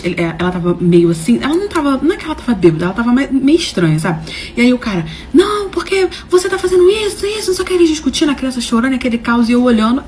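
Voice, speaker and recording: A woman telling a personal story to her viewers, animated and dramatic, with slangy phrasing and swings between loud and soft. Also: a little high, a little hiss or hum. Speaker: storyteller host. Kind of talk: casual storytelling to camera.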